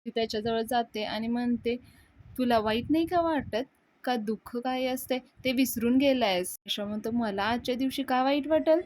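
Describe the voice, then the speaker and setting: A woman's voice: on the high side, moderate pace. A woman retelling a TV serial episode, acting out the characters' lines as she goes. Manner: lively retelling, her voice rising for each quoted character's line.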